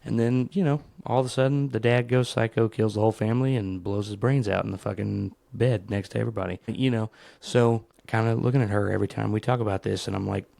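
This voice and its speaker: A man's voice: fast, gravelly, dry recording. A man hosting his own solo podcast, ranting in a rambling, profane, comic way and telling stories with animation. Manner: animated storytelling, leaps into higher voices for quotes. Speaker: podcast host.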